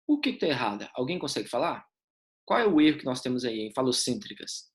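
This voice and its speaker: A man's voice: mid-range voice, very animated, fast. A man teaching essay writing in a live online class with a Brazilian Portuguese accent, explaining step by step and asking his students questions.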